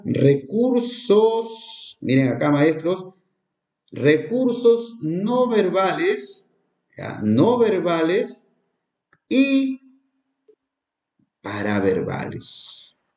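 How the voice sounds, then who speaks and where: A man leading an exam review lesson for teachers, asking questions and slowly repeating the key terms. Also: fairly high pitch, darkish tone. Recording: echoey room.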